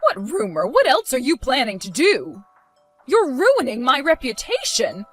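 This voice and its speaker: Here the same kind of character appears: a woman playing a scheming, spiteful mother-in-law, indignant as she insists she's innocent. She commits to a full character voice, high and swooping with huge pitch swings, speaking at a measured pace over gentle music.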